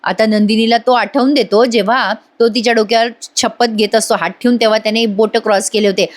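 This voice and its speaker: A woman's voice: a little high, fairly even intonation, brisk. A woman giving a chatty voice-over recap of a TV serial, laughing and talking straight to viewers. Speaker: TV serial reviewer. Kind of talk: casual voice-over episode recap. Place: voice-over recording.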